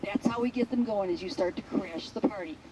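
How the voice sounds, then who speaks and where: A woman herding instructor explaining a test to a class outdoors in a blunt, joking, animated way. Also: medium pitch, fairly quick, crowd noise, rough recording. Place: outdoors at a sheep field. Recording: outdoor recording with traffic noise.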